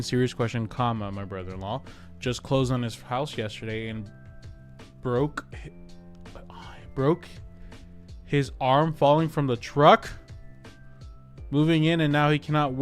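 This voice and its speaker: Chatty joking livestream host, a man. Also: medium pitch. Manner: joking, chatty, slangy, reads comments aloud. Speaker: real estate agent and livestream host. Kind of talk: casual livestream reacting to comments.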